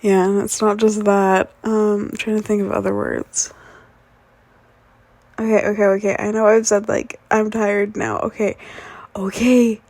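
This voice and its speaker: A woman's voice: mid-range voice, flat delivery, a little slow, darkish tone, no echo. A woman in her twenties, raised speaking English and Spanish, rambling sleepily and casually with lots of fillers in a whispered role-play as a fiancée. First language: grew up speaking English and Spanish. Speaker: ASMR performer playing a fiancée.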